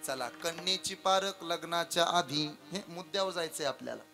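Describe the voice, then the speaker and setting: A man preaching a devotional kirtan sermon before a live audience. He tells stories dramatically, dropping to hushed asides and then rising into loud declamation. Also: fairly high pitch, normal speed, faint music behind.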